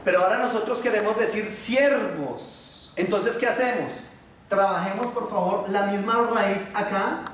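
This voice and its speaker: A man teaching a Biblical Hebrew class, patiently asking his students questions and pausing on fillers. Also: sits high, fairly bright tone, far from the mic, a little hiss or hum. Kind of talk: classroom lesson. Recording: echoey room, voice from afar.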